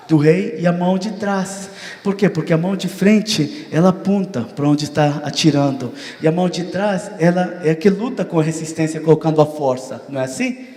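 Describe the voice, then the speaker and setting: A man from Brazil preaches a sermon in a fairly high voice. His long hall echo hangs around every phrase. He is animated and acts out dialogue in his stories. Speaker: pastor. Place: church hall. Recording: long church hall reverb.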